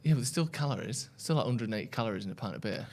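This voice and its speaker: A man's voice: medium pitch, expressive, racing, darkish tone. A British man co-hosting a podcast with teasing, exasperated comic banter. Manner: teasing, exasperated mock questioning. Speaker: podcast co-host.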